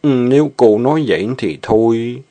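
A man's voice: mid-range voice, expressive, normal speed, warm tone, lightly acted. A man voicing a shy, lovesick young male farmhand who stammers and pleads. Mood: pleading. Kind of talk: audio drama reading.

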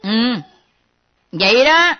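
This is a comedy sketch with a woman playing a teasing, nosy younger friend who speaks. Her voice is fairly high, and her pitch is very animated. The recording has a dull, lo-fi sound. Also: very slow. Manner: teasing, lively, mimicking.

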